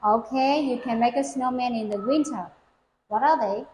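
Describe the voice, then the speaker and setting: A woman's voice: on the high side, moderate pace, warm tone, slight background noise. A woman giving an English speaking test to a young learner. She asks simple questions patiently and models full sentences for the child to repeat. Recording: echoey room.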